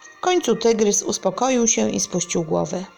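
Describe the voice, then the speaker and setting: A woman reading a children's story aloud, gentle and deliberate. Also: mid-range voice, vocal fry, soft background music.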